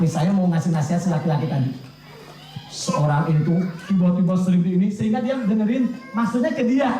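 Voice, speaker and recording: A man giving a parenting talk to parents, animated and checking in with the audience through quick questions. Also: sits high. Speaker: parenting speaker. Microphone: distant from the mic. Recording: echoey hall, distant mic.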